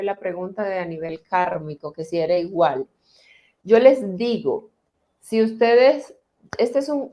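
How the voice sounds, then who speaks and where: A woman therapist speaks in a calm, deliberate way, at a medium pitch. She explains things conversationally and slows down when she guides listeners through a healing exercise.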